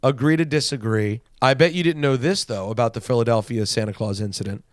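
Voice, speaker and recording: A man co-hosting a podcast, playful and argumentative in casual chat, who slips into telling little stories. His pitch sits in the middle range. The sound is dry and close. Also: a little fast, dry recording. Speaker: podcast co-host.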